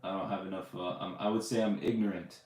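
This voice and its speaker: A man's voice: sits low, flat delivery, fast talker, a little mellow. A man hosting a casual live podcast, chatting loosely with lots of fillers and restarts. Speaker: podcast host answering live questions. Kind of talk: casual livestream chat. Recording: roomy echo.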